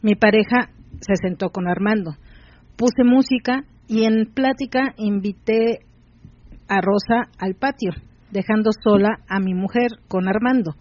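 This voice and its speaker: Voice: mid-range voice, measured pace, a little mellow. Host reading an erotic story. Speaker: podcast host. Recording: dull dry lo-fi recording.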